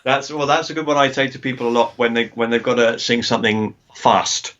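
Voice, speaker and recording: A man's voice: medium pitch, fairly quick, fairly bright tone, a little hiss or hum. Man on a dull lo-fi call. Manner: explains singing technique with many restarts and filler words. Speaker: singer and singing teacher, interview guest. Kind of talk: casual video-call interview. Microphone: video call.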